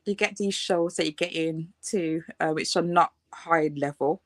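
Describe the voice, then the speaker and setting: A woman's voice: low-pitched, a little slow, dry recording. A woman in her late thirties from the United Kingdom, a fashion designer chatting casually in an interview, with many fillers and frequent laughs. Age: 30s.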